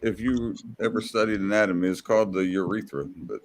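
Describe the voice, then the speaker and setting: Low-voiced man, blunt and teasing. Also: brisk. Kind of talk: casual group video chat.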